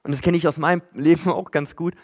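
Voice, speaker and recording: A man's voice: fairly high pitch, fairly even intonation, fast talker. A man preaching a sermon in church, in a conversational way that addresses the listeners directly, with frequent fillers.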